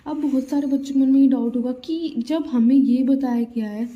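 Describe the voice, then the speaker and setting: A woman teaches shorthand vowels in a slow, patient way and keeps checking that her students follow. Her voice is high and mellow. The recording sounds dull and lo-fi, with a roomy echo. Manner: patient, repeats "theek hai" and "dekho" often. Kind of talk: explaining steno vowels step by step.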